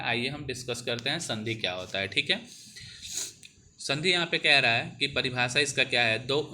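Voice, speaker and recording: Bright-voiced male grammar teacher. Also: mid-range voice, a little hiss or hum. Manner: explanatory, repeats "ठीक है ना" to check understanding. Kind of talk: Hindi grammar lesson over a screen.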